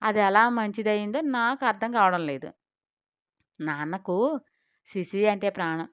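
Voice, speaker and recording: A woman's voice: mid-range voice, a little slow, smooth, no echo, dull audio. A woman narrating a family drama story and acting out the dialogue of each character in turn. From India. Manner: lively, switches between playful and sulky character voices. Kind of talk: scripted narration with acted dialogue.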